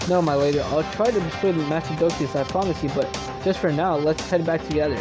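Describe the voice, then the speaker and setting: A man voicing a stern, loyal male servant with a formal, reproachful delivery and a fairly high voice. Game music plays clearly behind him. The dialogue comes from a game's story. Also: quick pace, close to an everyday voice.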